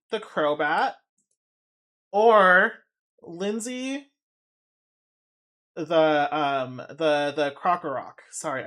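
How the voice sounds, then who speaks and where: Low-pitched, animated woman streamer chatting casually. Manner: gossipy, informal slang. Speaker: game streamer running a challenge run with audience votes. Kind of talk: casual livestream chat and game commentary. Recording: music in the background.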